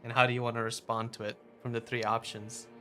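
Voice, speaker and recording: A young man streaming a game, talking casually with chuckles and halting fillers. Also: medium pitch, flat delivery, bright, forceful tone, faint music behind. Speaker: developer and streamer. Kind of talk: casual live stream chat.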